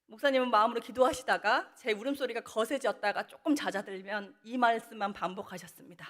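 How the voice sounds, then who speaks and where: A woman's voice: on the high side, fast, a bit bright. A middle-aged woman speaking as a guest at a church prayer meeting, telling a personal testimony and acting out her past words, laughing and tearful. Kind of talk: testimony talk. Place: church sanctuary.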